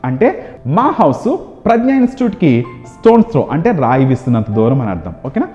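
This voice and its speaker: A man with a Telugu accent teaching spoken English, drilling phrases in rapid rhythmic lists. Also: on the high side, sing-song, dark tone. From India. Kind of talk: classroom English lesson. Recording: echoey room, dull sound, music behind.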